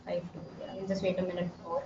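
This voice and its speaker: A woman's voice: fairly low pitch, completely flat delivery, quick pace, mellow. A woman with an Indian accent, casually hosting a group discussion on an online call. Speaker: host. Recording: roomy, muffled, faintly noisy call.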